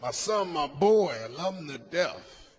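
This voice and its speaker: A man from Washington, D.C., doing a stand-up comedy set on a club stage, loud, dropping low and mumbling then shouting his punchlines. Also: animated, unhurried, crowd noise. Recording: live club recording with ambient noise.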